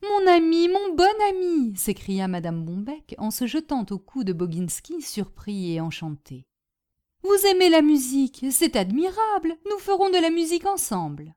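A woman voicing an excitable, bossy older landlady who scolds loudly and theatrically. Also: medium pitch, unhurried, hardly any pauses, natural voice. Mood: delighted.

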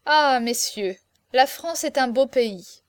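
A woman's voice: high voice, slow, no room sound, clean studio sound. A woman voicing a scheming, sardonic prince who gives curt orders in a storybook reading. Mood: commanding. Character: scheming aristocratic prince, mocking and commanding.

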